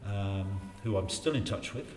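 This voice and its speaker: Casting: man in his 60s, lowish voice, rambling casual storyteller, recorded in a reverberant room with faint noise. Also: darkish tone. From Wiltshire, England. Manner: rambling, repeats phrases, halting. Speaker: interview guest in local politics. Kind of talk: casual life-story reminiscing. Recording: roomy reverberant space, faint background noise.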